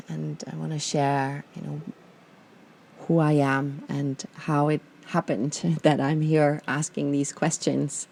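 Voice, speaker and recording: A woman from Austria hosting a podcast, guiding listeners through a slow, gentle reflection with many pauses and fillers. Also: deep voice, vocal fry, slight background noise. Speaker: podcast host. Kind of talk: guided reflection and personal talk.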